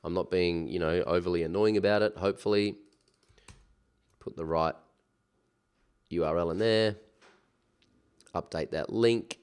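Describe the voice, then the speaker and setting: A man with a nasal, blocked-up voice from a cold, like he has his nose pinched, giving a casual, chatty software tutorial with informal asides. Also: deep voice, unhurried, pauses often, clean tone. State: recovering from a cold. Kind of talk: casual screen-share tutorial.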